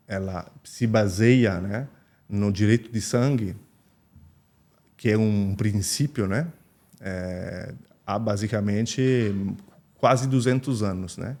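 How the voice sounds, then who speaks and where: A man's voice: fairly low pitch, measured pace, darkish tone. A man whose first language is Italian, a company founder answering interview questions in an explanatory way, with frequent fillers and restarts.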